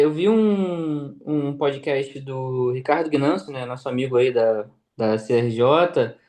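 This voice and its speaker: A man's voice: a little high, a little mellow. A Brazilian man on a group call who sets out background at length before asking his question. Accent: Brazilian Portuguese. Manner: lays out context before asking. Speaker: participant on the call. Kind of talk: casual chat on a group call.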